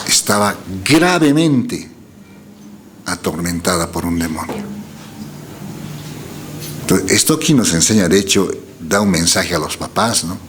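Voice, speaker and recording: A man's voice: low voice, slight background noise. A male preacher giving a sermon, reading scripture aloud and asking the congregation questions. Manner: lively, rising emphasis on quoted lines. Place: church gathering.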